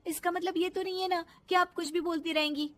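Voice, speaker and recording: A meek young cartoon daughter-in-law speaks in a very high, sugary voice, as a woman puts her on. Her words come out sweet and pleading. She sounds bright and childlike throughout. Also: steady tone, a little fast. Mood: pleading, defiant. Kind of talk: cartoon voice acting.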